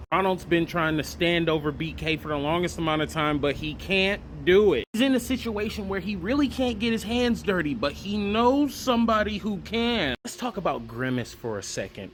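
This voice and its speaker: A man's voice: fairly high pitch, a bit bright, slight background noise. A man telling a comedic story in profane, slangy, exaggerated style.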